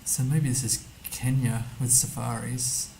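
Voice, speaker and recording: A man's voice: mid-range voice, flat delivery, unhurried, vocal fry, mellow, a little hiss or hum, rough recording. A man streaming a map game, thinking aloud casually as he mutters guesses and reads numbers to himself. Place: indoor streaming setup.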